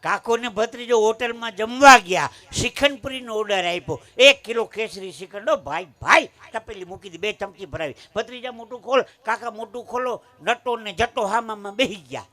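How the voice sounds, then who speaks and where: A man's voice: high voice, fairly quick, few pauses, sharp tone. A man from Saurashtra with a Kathiawadi accent, telling folk jokes and stories live on a village stage, punching his lines and acting out the quoted voices. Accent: Kathiawadi Gujarati. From Saurashtra, Gujarat. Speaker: folk storyteller and humorist. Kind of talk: live folk comedy storytelling.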